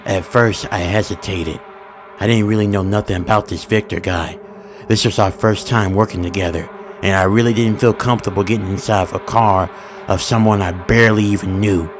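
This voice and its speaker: A man narrating a first-person horror story in a steady, ominous storytelling manner with informal grammar. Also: lowish voice, a little fast, music in the background.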